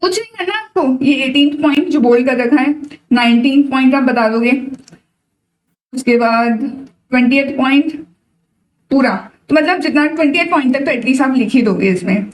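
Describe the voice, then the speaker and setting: A young woman coach with an Indian English accent walks students through exam answers, switching between Hindi and English. Her voice sits fairly high and she talks in a direct, encouraging way. She sounds a little distant from the microphone. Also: a little hiss or hum. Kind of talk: online exam-prep lesson.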